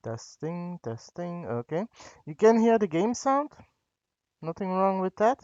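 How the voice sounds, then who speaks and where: A man's voice: sits high, sing-song, measured pace, darkish tone, dry recording. A man hosting a casual game livestream, chatting informally and thinking aloud as he plays. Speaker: livestream host. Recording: dull lo-fi mic with music behind.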